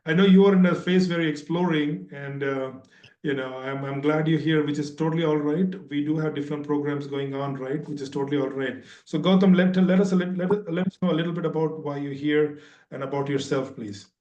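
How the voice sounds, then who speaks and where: A man's voice: a little high, fairly even intonation, a little fast, dark tone. A man hosting an online training webinar, greeting each attendee by name in a friendly, upbeat way. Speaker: webinar host. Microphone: video call. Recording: roomy, distant, dull video-call audio.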